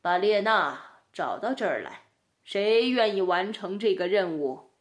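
A woman voicing a stately male lion king who speaks slowly and solemnly. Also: mid-range voice, expressive, pitched below the performer's own voice, close to an everyday voice. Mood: commanding. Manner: solemn, slow and composed.

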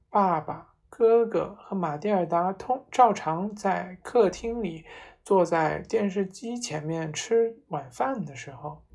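A woman narrating a children's story in a slow, expressive reading voice. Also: on the low side.

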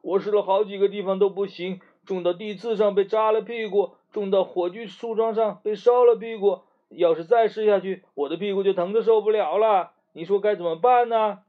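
Man doing a squeaky boastful ice melon. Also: normal speed, few pauses, lightly acted. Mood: whiny. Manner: higher, excited, whiny when hurt. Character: boastful ice melon plant, small, eager. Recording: muffled lo-fi recording.

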